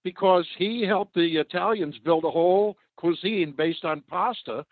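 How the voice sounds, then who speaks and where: A man's voice: high-pitched, normal speed, dry recording. A man from New York with an American accent, chatting casually as a radio caller over a lo-fi line. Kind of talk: casual chat.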